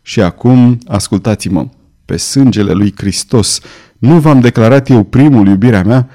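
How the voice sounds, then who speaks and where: Guy doing a hoarse jealous young rival, bitter and threatening, dark tone. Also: mid-range voice, natural voice. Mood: bitter threat. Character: jealous young man, violent and proud.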